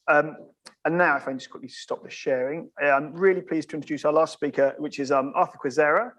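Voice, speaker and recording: A man moderating an online event, briskly introducing the next speaker over a video call. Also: a little high, fairly bright tone.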